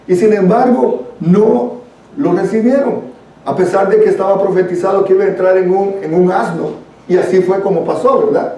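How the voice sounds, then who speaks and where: Leading a Bible study at church, this Guatemalan-accented man reads and explains scripture earnestly and conversationally. He speaks at a normal pace in a high, steady, dark-toned voice, recorded from a distance in a heavily echoing room.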